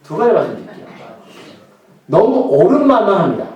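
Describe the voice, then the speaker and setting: A man's voice: sits high, very animated, brisk, darkish tone, heavy reverb, distant mic, dull audio. A male pastor delivering a sermon in a conversational way, often throwing questions to the congregation.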